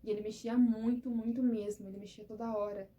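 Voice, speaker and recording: Young Brazilian woman vlogger, warm mellow voice, slightly high, emotional casual storytelling. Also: little pitch movement, fairly quick. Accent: Brazilian Portuguese. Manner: chatty, emotional, addresses viewers as "gente".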